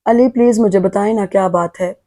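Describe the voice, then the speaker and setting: A woman's voice: medium pitch, a little fast, mellow, close to an everyday voice. A woman voicing a curious young wife in an audio novel who keeps pressing her questions. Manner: insistent, questioning.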